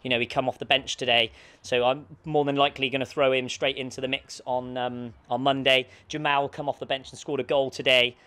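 A man's voice: mid-range voice, a little fast, smooth. A man in his thirties, a football manager, giving a post-match interview outdoors in an empty stadium stand, talking steadily with many restarts and fillers into a handheld mic. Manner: steady, flat delivery with frequent restarts and fillers. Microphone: handheld mic with windshield held close.

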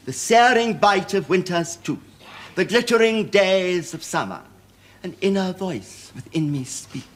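A prissy upper-class English literary gent in a TV comedy sketch. His fairly high voice swings widely, pompous and fussily polite. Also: lively intonation, a little slow, fairly bright tone. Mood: fussy, polite. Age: middle-aged. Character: prissy, pompous, courteous male man of letters. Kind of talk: 1970s TV sketch comedy acting. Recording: old studio TV, faint noise.

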